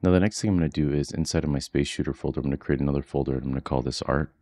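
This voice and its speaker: A man with a very deep, dark voice talks through a screen-recorded coding lesson. He keeps it quiet and flat, as if trying not to wake anyone at home. His pace is relaxed and chatty, with plenty of fillers. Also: rapid-fire. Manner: quiet, low-key monotone delivery; relaxed walkthrough with frequent fillers. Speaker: coding instructor. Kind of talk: screen-recorded software tutorial. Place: home, with children asleep nearby.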